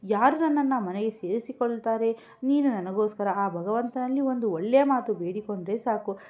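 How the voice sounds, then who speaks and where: Give me a heartbroken older wife in a storybook drama, played by a woman narrator, low and tearful, mellow voice. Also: natural voice. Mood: tearful lament. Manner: sobbing, lamenting, slow and low. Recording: muffled lo-fi recording.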